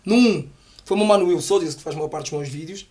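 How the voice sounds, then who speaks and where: A middle-aged man, a rapper being interviewed, tells stories casually in slang, animated and reflective, often adding short check-in phrases. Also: a little high, brisk, crowd noise. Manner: animated, reflective, peppered with "yeah" and "estás a ver". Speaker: rapper interviewed about his albums. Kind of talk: casual conversational storytelling with slang.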